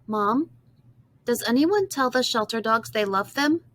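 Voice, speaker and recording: A woman's voice: fairly high pitch, lively intonation, a little slow, a bit bright, pitched above the performer's own voice. A woman voicing an eager, curious young girl in a storybook reading, asking earnest, hopeful questions.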